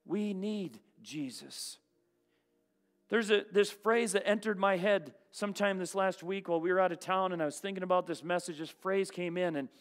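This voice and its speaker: Man preaching, high voice, rhetorical questions, loud then hushed. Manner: asks the congregation rhetorical questions; swings between loud emphasis and hushed asides. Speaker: pastor. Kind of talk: sermon. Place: church.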